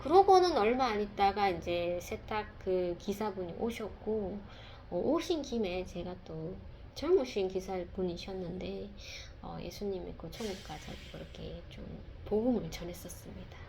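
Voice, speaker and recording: Woman, conversational testimony, mid-pitched, soft and reflective, faint background hiss. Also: animated, creaky. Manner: soft-spoken and reflective, with pauses and fillers. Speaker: speaker sharing a personal testimony. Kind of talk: casual testimony talk.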